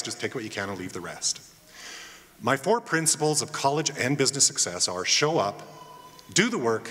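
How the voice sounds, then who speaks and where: A man's voice: mid-range voice, a bit bright. Middle aged guy doing a keynote speech at a podium, self-deprecating and chatty, big echoey hall. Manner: self-deprecating, jokey, conversational delivery. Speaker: keynote speaker, college alumnus. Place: large hall at a graduation ceremony. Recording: echoey hall with long reverb.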